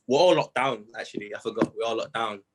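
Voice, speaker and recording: A young Zimbabwean musician joins a video call for a casual interview, laid-back and slangy, laughing often. His voice is lowish and a bit breathy, and he talks fast.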